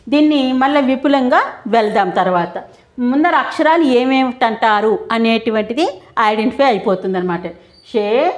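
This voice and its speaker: Woman, middle-aged, grammar lesson, slightly high pitch, patient, repetitive. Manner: patient, repeats questions and answers them herself. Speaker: Telugu teacher.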